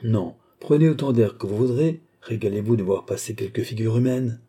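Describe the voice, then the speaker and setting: A man's voice: medium pitch, normal speed, warm tone, slightly rough. A man reading an audiobook, voicing a cool, politely mocking nobleman. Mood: suave. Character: suave, cool, ironic nobleman count.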